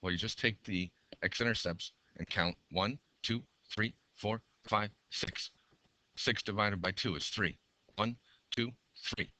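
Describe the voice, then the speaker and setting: A man teaches a math lesson as he sketches graphs, counting out steps aloud, his voice a little worn from losing it. His pitch sits very low, yet the tone is bright and forceful. The sound is dry and close. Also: measured pace, no room sound. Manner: talks through each step while drawing, counts aloud.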